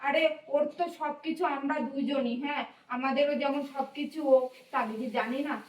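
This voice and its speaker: A woman's voice: high-pitched, fairly even intonation, moderate pace, distant mic, close to an everyday voice. An actress playing a protective mother in a family drama, soothing and defensive in turn. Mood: pleading. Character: protective mother of grown son.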